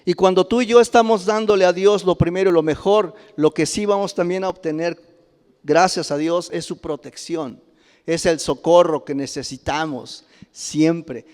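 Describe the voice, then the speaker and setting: A middle-aged pastor speaking with a Mexican Spanish accent preaches in a church sanctuary, weaving personal stories into an animated sermon. His voice sits high and his pace is moderate; he laughs softly again and again and climbs to loud exclamations. The hall around him is reverberant.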